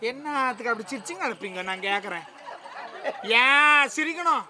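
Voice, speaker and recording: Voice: sits high, animated, crowd noise. A performer playing a mother who scolds her grown son in a Tamil street-theatre comedy. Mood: scolding. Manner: scolding, quick to bristle.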